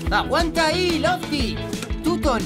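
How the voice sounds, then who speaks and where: Male actor as careful cartoon builder, Castilian accent, animated pitch, directive, loud music underneath. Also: a little slow. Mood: instructing. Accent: Castilian Spanish. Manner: directive, energetic foreman. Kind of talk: animated children's cartoon dub.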